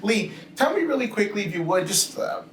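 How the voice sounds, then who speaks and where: A man's voice: high voice, big pitch swings, brisk, crowd noise. Effusive male interviewer in an echoey space. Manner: effusive, complimentary. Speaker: host of a cruise video channel. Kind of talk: casual on-location interview. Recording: echoey, roomy sound.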